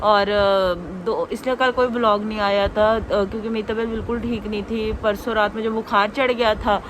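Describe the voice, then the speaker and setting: A woman's voice: medium pitch, fairly even intonation, noisy background. A young woman chatting casually in a home vlog while recovering from a sore throat after a flu. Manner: chatty, confiding, drawn-out complaints. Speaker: vlogger.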